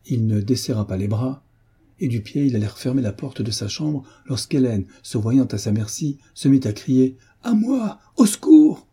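A man narrating a classic novel aloud in a measured storytelling voice, slowing down over lists of details. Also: mid-range voice, dark tone, husky. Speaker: audiobook narrator.

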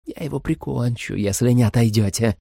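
A man voicing a cruel, seductive vampire mother in an audiobook, speaking slowly in a sweet, menacing croon. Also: mid-range voice, creaky, warm tone, no room sound, clean studio sound, pitched above the performer's own voice. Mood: crooning menace.

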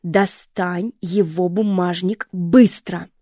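A blunt, wounded mother barks orders in a hoarse, husky voice, as a woman reads her in an audiobook. Her pitch stays flat and her tone is mellow. The sound is close and dry. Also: measured pace, dry recording. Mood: urgent. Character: tough wounded middle-aged mother, blunt.

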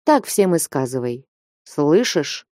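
A stern, commanding old merchant gives orders in a low, mellow voice, as a woman narrator reads him. His warnings come slow and heavy, and the dry, close recording keeps every word near. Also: big pitch swings, no echo, heavily acted. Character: stern older merchant man, gruff and commanding.

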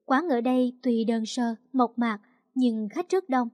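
A woman's voice: a little high, measured pace, darkish tone, dry recording, studio quality. A woman narrating a first-person story in an emotional, confiding way.

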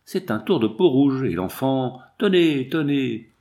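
A man voicing a grizzled, vengeful old male trapper who talks in a rough, coarse backwoods way. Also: medium pitch, expressive, a little slow, warm tone. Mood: gruff.

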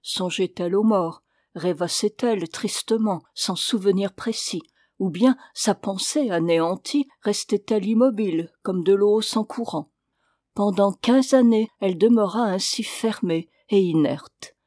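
A woman narrating a classic short story as an audiobook, in a measured, steady storytelling manner. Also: mid-range voice, no room sound, clean studio sound.

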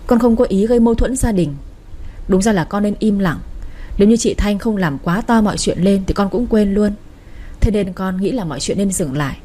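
A woman's voice: mid-range voice, brisk, dark tone, husky, lightly acted. A woman voicing a polite, composed young sister-in-law who speaks deferentially. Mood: polite calm.

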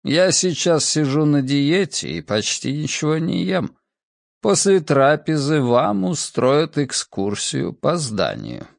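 A man voicing an old, hunched rich benefactor who speaks slowly and grandly. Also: a little high, big pitch swings, vocal fry, dry recording, clean studio sound, heavily acted. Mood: grand, modest. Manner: slow, drawn-out grand speech.

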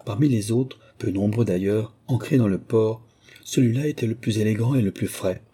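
A man with a low, husky voice reads a classic novel as an audiobook. His tone is dark and mellow, and his delivery is measured and even. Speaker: audiobook reader. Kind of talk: audiobook narration.

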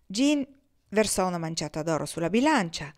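A woman reading a novel aloud as an audiobook, with an expressive, measured delivery. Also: mid-range voice. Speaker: audiobook reader. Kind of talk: literary audiobook narration.

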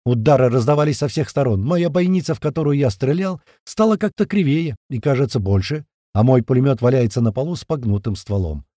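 A man narrating a first-person audiobook in a colloquial, rough-spoken, vivid way. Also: medium pitch, lively intonation, fairly quick, hardly any pauses, mellow, no room sound, clean studio sound.

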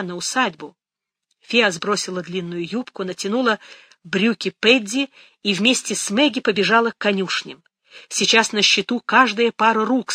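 A narrator reading a novel aloud in a measured, dramatic audiobook style, recorded close to the mic. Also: mid-range voice, bright, forceful tone, slightly rough, dry recording.

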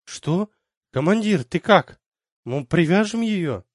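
A man's voice: high-pitched, lively intonation, takes it slowly, dry recording, clean studio sound, voice pushed up, heavily acted. A man voicing a sleazy, lustful male soldier who wheedles greedily and fawns with an undercurrent of menace. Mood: wheedling.

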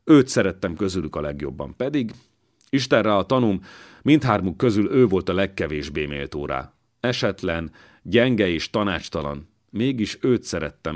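A man voicing a gruff, deep-voiced old man. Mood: wistful. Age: older. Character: wounded old man, former royal servant, gruff, fatherly.

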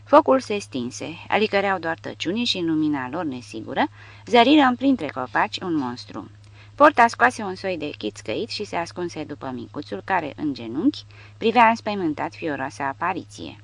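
A woman's voice: low voice, big pitch swings, vocal fry, no room sound. A woman narrating an audiobook expressively. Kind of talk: scripted narration.

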